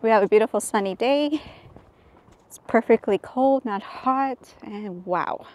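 A chatty woman vlogging outdoors on a hiking trail, filming herself as she walks. She talks slowly and easily, exclaiming often and sometimes dropping to a hushed whisper. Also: fairly high pitch. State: out of breath. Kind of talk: casual walking vlog.

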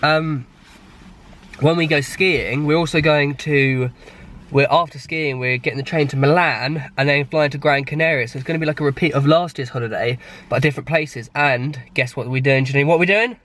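A man's voice: a little high, normal speed, fairly bright tone. A young man, rambling casually to the camera in a vlog, sounding a bit ill with a blocked nose. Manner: rambling, chatty. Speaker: vlogger.

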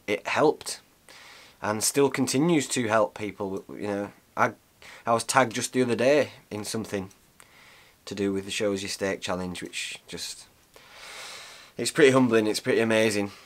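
A man's voice: lowish voice, fairly bright tone. A man in his thirties talking casually to camera in a small cosy room, rambling and restarting his sentences. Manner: chatty and rambling, with frequent restarts and fillers. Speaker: outdoor cooking vlogger.

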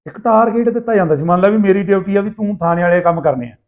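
Tinny-sounding Punjabi man, high-pitched earthy banter. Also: fast talker. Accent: Malwai Punjabi. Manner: rough, earthy, animated banter, acting out people's dialogue. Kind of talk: casual anecdotal storytelling. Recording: tinny, phone-like narrow sound.

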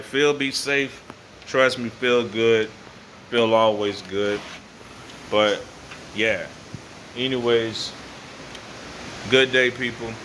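American man, thirties, bright punchy voice, casual vlog talk, slangy, repetitive emphasis, phone mic, slight background noise. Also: fairly low pitch. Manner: slangy, repeats phrases for emphasis. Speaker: vlogger. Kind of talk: casual rambling vlog to camera. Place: open garage at night, windy weather. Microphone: phone at arm's length. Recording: noisy phone recording with outdoor ambience.

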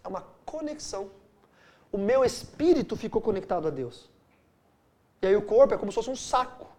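Middle-aged male pastor from Brazil, animated Bible-study teacher, dynamic storyteller. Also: high voice, brisk. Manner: animated storytelling with wide swings of loudness.

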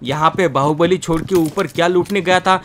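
A man's voice: fairly high pitch, brisk, a bit bright. A man narrates his gameplay clips with a playful, roasting humor. He wisecracks steadily about his teammates and enemies. A faint hiss of noise sits behind him. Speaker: gaming YouTuber. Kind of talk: joking gameplay commentary voice-over.

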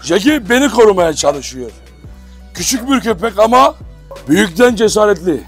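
Man calmly commanding snarling dogs. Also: high voice, moderate pace, soft background music. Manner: firm commands to dogs, calming and scolding. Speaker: dog farm owner. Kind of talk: handheld dog-handling vlog.

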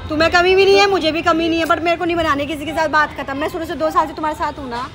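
A woman's voice: very high-pitched, steady tone, very fast, fairly bright tone. A woman vlogger arguing heatedly and pleading in a prank video, recorded outdoors. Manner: argumentative and pleading. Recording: outdoor street noise.

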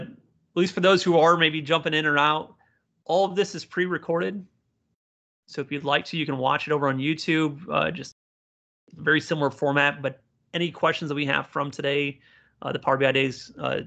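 A man giving an informal live software tutorial, speaking to learners directly and encouragingly as their instructor. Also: on the high side, gravelly. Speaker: software instructor, community presenter.

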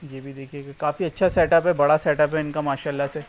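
A man's voice: fairly high pitch, steady tone, fast. Upbeat man. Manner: upbeat, repeatedly pointing things out to viewers. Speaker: farming channel host. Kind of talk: casual walking tour vlog. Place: outdoors on a road, then inside an open-sided cattle shed.

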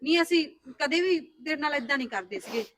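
A woman's voice: high voice, animated, fast, fairly bright tone. A woman playing a soothing young daughter of the house. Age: young adult. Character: young woman of the house, soft-hearted, quick to excuse herself.

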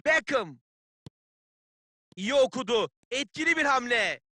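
An actor playing a keen football play-by-play announcer in a video game, calling the match in clipped phrases. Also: male voice, very high-pitched, lively intonation, a little slow, pushed and bright, dry recording, exaggerated voice. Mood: keen, tense.

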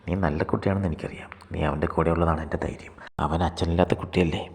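A man reading as a worried middle-aged mother, soft and pleading, in a very deep gravelly voice. A long hall reverb trails behind. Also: fairly even intonation, fast talker, a little hiss or hum.

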